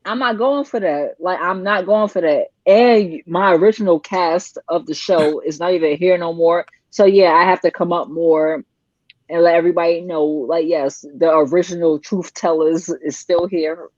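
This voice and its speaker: A woman's voice: on the low side, moderate pace, a little mellow, no room sound. A woman in her forties hosting a heated panel debate over a video call, combative and talking over the others. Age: 40s. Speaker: host. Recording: dry, dull lo-fi call audio.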